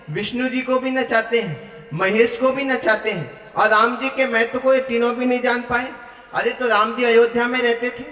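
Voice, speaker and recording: A man's voice: very high voice, bright, forceful tone. A man giving a devotional discourse to devotees, telling stories and chanting verses. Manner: addresses listeners as devotees, tells stories, breaks into chanting. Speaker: devotional storyteller preacher. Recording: echoey hall, distant mic, faint music.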